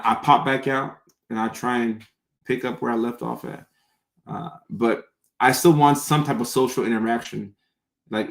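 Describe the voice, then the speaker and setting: Here a content creator runs a live question session, chatting casually as he answers comments in a medium-pitched, slightly bright voice. His R sounds give him trouble, he frequently repeats phrases for emphasis, and the room echoes noticeably.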